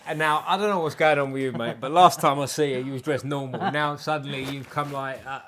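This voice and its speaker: A quick, rapid-fire man hosts a casual podcast. He ribs his guest constantly, keeping the banter loose and playful. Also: medium pitch, steady tone, a bit bright. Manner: teasing, banter-heavy. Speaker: podcast host. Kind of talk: casual chat.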